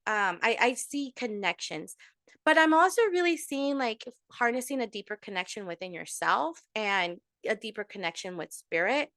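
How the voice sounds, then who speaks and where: A woman's voice: medium pitch, lively intonation, normal speed, a bit bright, dry recording, studio quality. A woman giving a casual monthly tarot reading to her followers, chatty and full of fillers, sprinkling in Spanish endearments. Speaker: tarot reader.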